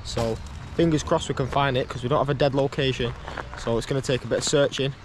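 A man's voice: mid-range voice, fairly even intonation, quick pace, slight background noise. A man with a Northern English accent, chatting casually as he hosts an outdoor hiking vlog. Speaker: vlog host. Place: outdoors on hills and woodland trails.

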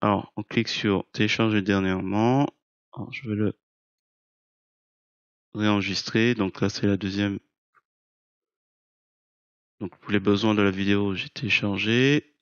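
Low, smooth-voiced man giving a tutorial. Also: steady tone, unhurried, pauses often, dry recording, muffled recording. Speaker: software tutorial presenter. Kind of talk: unscripted screencast narration.

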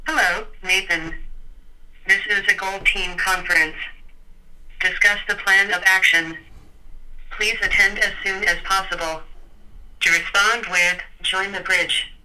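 A man's voice: high-pitched, a little slow, long pauses. An automated male voice reading a conference call prompt, played over a phone on speakerphone. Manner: even, scripted prompt delivery. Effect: automated phone message heard over speakerphone. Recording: phone speaker heard from a distance.

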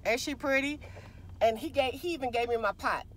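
Speaking briskly in a high-pitched voice, a vlogger in her forties talks loosely and chattily to viewers from her parked car, frequently addressing them as "girl." She records on a phone camera held out at arm's length.

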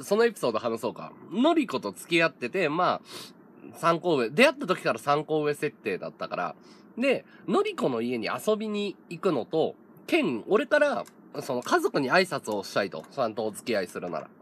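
A man's voice: on the high side, wildly swooping pitch, normal speed, a bit bright, slight background noise. A man in his thirties, a streamer, telling a story in casual chat, laughing often and acting out other people's lines. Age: 30s.

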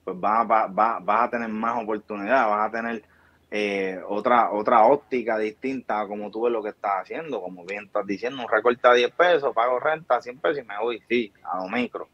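A man's voice: on the low side, fairly quick, fairly bright tone. A man in his thirties with a Puerto Rican accent, a barbershop founder giving an emphatic, preachy motivational talk as an interview guest over a video call. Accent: Puerto Rican Spanish. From Puerto Rico. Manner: emphatic, preachy, gestures with hands. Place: small indoor room. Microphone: video call webcam. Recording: dull lo-fi video call audio.

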